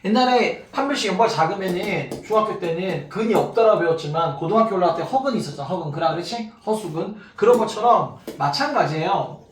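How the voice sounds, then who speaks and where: A man's voice: high-pitched, expressive, fast talker, hardly any pauses. A man teaching a math class to students, talking casually and constantly checking that they follow. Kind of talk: classroom lecture. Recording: echoey room, mic far off, faint noise.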